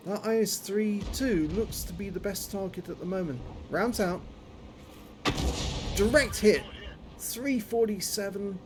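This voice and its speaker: A man's voice: high voice, unhurried, music in the background. A man giving running commentary on a video game, his speech slightly impeded by a numb, toothache-swollen jaw. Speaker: gameplay commentator.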